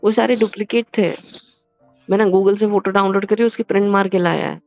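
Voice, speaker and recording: Man acting apologetic young husband, soothing, repetitive reassurance, gravelly, dull lo-fi sound, faint music. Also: high-pitched, steady tone, brisk, darkish tone. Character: young husband, gentle and apologetic after a prank. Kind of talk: romantic couple audio drama.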